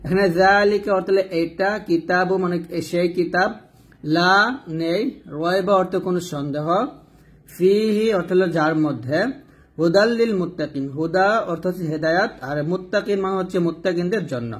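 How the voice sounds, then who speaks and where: A man teaching Quran reading in Bengali, spelling letters and vowel marks syllable by syllable and chanting the verses slowly. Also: high voice. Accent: Bangladeshi Bengali.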